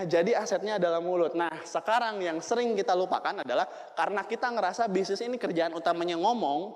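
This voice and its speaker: A man with a high voice talks to a seminar crowd about business success. He jokes and keeps putting questions to the room. His words echo with the long reverb of a large hall. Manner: lively, jokey, asks the crowd questions. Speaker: motivational speaker at a business seminar. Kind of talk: seminar talk to an audience.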